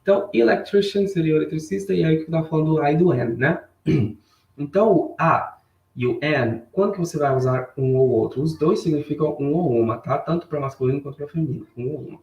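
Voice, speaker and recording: A man teaching a live online English lesson, switching between Portuguese and slowly spoken English phrases and greeting viewers in the chat. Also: a little high, gravelly, darkish tone, dull audio. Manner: bilingual, repeats English phrases slowly for learners. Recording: roomy sound, mic a bit far off.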